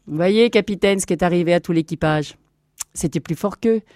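A woman voicing a wry, amused crewman in a read-aloud story. He sounds low and mellow, and the recording is close and dry. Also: a little fast, dry recording, close to an everyday voice. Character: amused crewman addressing his captain.

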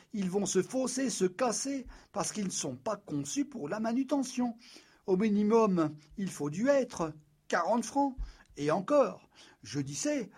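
Guy doing nervous carpenter haggling, fussy and pleading, highish voice, storybook reading. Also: a little mellow, breathy edge, full character voice. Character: anxious, insistent middle-aged male carpenter haggling. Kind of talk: audiobook character voice.

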